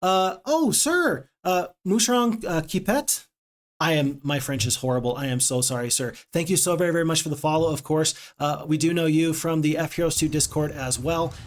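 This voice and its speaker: A man with a slightly high voice talks at a moderate pace while casually commenting on his strategy game stream. He rambles and chats with viewers, reading their chat messages aloud.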